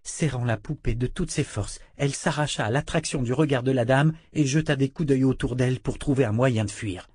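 A man reading a novel aloud as narrator, in a steady measured way. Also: mid-range voice, slightly rough, no echo, studio quality. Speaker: audiobook narrator. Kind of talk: scripted narration.

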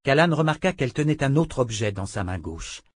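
A man reading a fantasy novel aloud as audiobook narration, measured and expressive. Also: medium pitch, no room sound, studio quality. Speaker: audiobook reader.

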